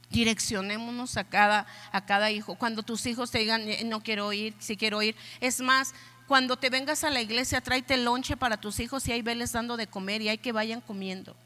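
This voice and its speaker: A middle-aged Mexican woman pastor preaches with a bright, forceful voice pitched a bit high. She urges her congregation on in a lively way and acts out little voices. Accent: Mexican Spanish. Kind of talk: sermon.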